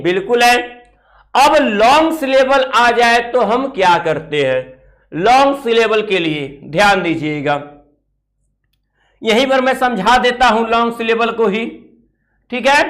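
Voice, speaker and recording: A man's voice: sits high, a bit bright, rough recording. A man teaching a grammar lesson, explaining step by step, repeating key words and asking rhetorical questions as he writes on a board. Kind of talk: classroom lesson.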